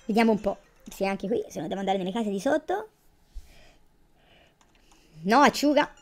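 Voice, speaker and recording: A woman's voice: mid-range voice, lively intonation, normal speed, faint music behind. A woman giving casual, chatty commentary on her gameplay, thinking aloud and exclaiming as she goes. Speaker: gamer.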